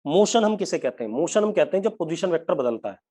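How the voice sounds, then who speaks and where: A male physics teacher runs a live online class and speaks with a fairly high voice. He mixes English terms into his Hindi, slows right down to dictate definitions, and keeps asking the students whether it is clear. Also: very animated, mellow.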